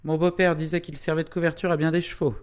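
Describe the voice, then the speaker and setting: A man voicing a loud, blustering middle-aged postmaster in a read-aloud classic novel. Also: fairly high pitch, little pitch movement, fast, clear, resonant tone, pitched above the performer's own voice, lightly acted.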